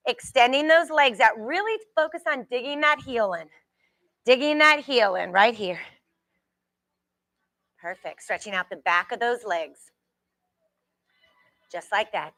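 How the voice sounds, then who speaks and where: A woman's voice: fairly high pitch, sharp tone, no echo. A woman leading a group exercise class as instructor, encouraging and reassuring, giving short repeated cues and countdowns. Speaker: fitness instructor.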